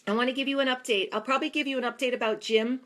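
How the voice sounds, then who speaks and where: A woman's voice: high voice, fairly even intonation, rapid-fire, a bit bright. A woman in her forties with a New York accent, a fitness trainer talking earnestly and chattily in a vlog. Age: 40s. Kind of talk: casual vlog talk.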